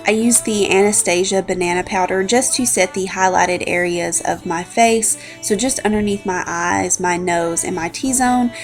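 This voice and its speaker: Over background music, a woman in her twenties chats informally while narrating a makeup tutorial as a beauty vlogger. Her voice is congested and a bit scratchy, mid-range, at a moderate pace with few pauses.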